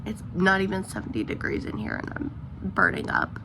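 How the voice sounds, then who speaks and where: A woman's voice: mid-range voice, wildly swooping pitch, moderate pace, background noise. A young woman with a sore throat who is sick, rambling and venting in a casual vlog at home. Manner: rambling and venting, lots of "like" fillers. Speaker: vlogger. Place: at home indoors.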